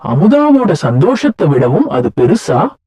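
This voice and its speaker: A woman voicing a forceful young village man, the son, who speaks loudly and presses his mother. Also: lowish voice, very animated, measured pace, slightly rough, pitched below the performer's own voice, heavily acted. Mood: questioning.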